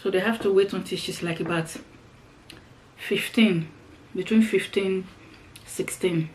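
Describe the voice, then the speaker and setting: A middle-aged woman talks casually to her viewers as she has a meal on camera. Her voice sits at an ordinary pitch, and she explains things conversationally, circling back over phrases. There is noticeable noise behind her. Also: fairly even intonation, unhurried, a little mellow, low-quality recording. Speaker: mukbang vlogger. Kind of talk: casual chat to viewers while eating. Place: indoors, seated on the floor.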